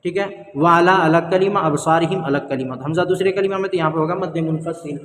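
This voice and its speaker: A man teaching the rules of Quran reading, explaining step by step, asking and answering his own questions, and chanting the verses slowly. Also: a little high, a bit bright, roomy sound, long reverb tail, slight background noise.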